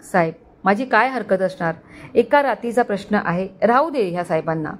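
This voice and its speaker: A woman's voice: medium pitch, lively intonation, a little fast, natural voice. A woman voicing an honest male servant and cook who speaks deferentially in a read-aloud story. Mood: obliging.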